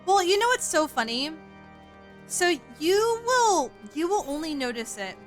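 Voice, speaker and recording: Streaming a game, a woman from the American South chats casually with a light Southern accent, animated and cursing freely. Her voice is extremely high and her pace measured, with faint music behind.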